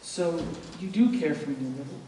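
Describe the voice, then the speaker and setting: A young man playing a polite, hesitant, earnest suitor in a stage play, speaking in a halting, courteous way. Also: on the high side, lightly acted. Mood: hopeful. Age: teenage or young adult performer. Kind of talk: high school stage play acting. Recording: echoey stage, distant mic, noisy.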